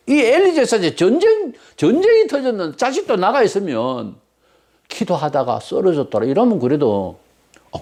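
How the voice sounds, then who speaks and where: Male pastor, sermon delivery, blunt and forceful, with an extremely lively melody. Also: high voice. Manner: emphatic, blunt, rhetorical questions.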